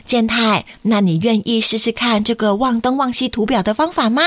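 Lady reading as a patient storybook teacher, highish voice, encouraging the class. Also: moderate pace, no echo, natural voice.

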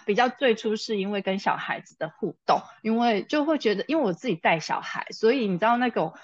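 A woman's voice: medium pitch, lively intonation, fast, no room sound, dull audio. A woman, a mother and interview guest, telling a personal story and often laughing. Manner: laughs often, quotes herself and her child.

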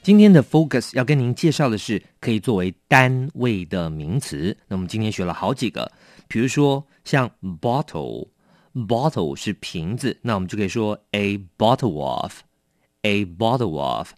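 A man with a Taiwanese Mandarin accent teaches English vocabulary in a dry, close recording. His fairly low voice moves up and down a great deal. He explains patiently and says each word slowly several times. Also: very animated, a little mellow, no echo. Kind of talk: vocabulary lesson.

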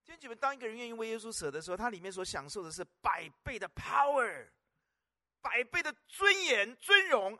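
A man's voice: very high-pitched, pushed and bright. A male pastor preaching a sermon, emphatic and repetitive, firing rhetorical questions at his congregation. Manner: repeats phrases for emphasis.

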